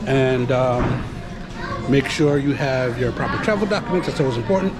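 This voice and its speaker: A man chatting informally to his viewers as a travel vlogger, halting and speaking in short phrases. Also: medium pitch, over a noisy crowd. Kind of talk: casual vlog chat to viewers. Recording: very noisy on-location vlog audio.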